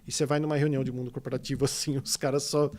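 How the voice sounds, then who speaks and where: A man from São Paulo, Brazil, speaks very fast in a mid-range voice with a São Paulo Portuguese accent. As a guest illustrator on a casual podcast interview, he tells rambling, animated stories packed with fillers.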